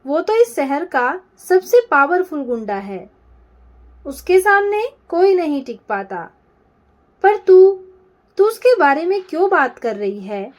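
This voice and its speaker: Woman doing a worried mother, anxious, pressing, high and animated. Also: takes it slowly, full character voice. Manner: anxious, insistent questioning.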